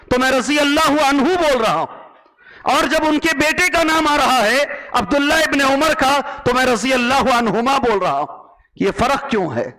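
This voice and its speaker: Male preacher giving a sermon, high bright voice, asks the crowd stuff then answers it himself. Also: rough recording. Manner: lively, asks the audience questions and answers himself; often drops into a lower voice then rises again. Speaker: Islamic preacher. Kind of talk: sermon to a live audience.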